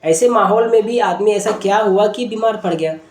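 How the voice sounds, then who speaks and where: A man, a homeopathic doctor, teaching through a patient case story in an unhurried way, often pausing to check in with his listeners. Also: sits high, reverberant.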